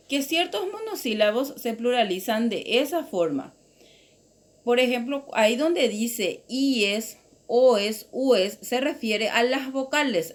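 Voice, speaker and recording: A woman teacher giving a grammar lesson, reading out example words one at a time and explaining each rule deliberately. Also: a little high, a bit bright.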